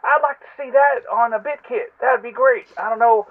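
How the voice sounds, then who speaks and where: A man's voice comes through a thin, tinny landline phone line. He sits very high for a man and rambles through a joking voicemail, stalling often on fillers before pressing on. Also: normal speed. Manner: rambling, hesitant, with many fillers. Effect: heard over a landline phone line. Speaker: caller leaving a voicemail.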